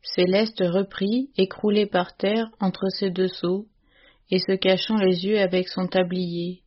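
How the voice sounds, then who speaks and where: A woman reads a classic tale aloud in a measured, expressive way. Her voice sits at a middle pitch. The recording sounds dull and lo-fi. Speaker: narrator. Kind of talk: audiobook reading of a classic story.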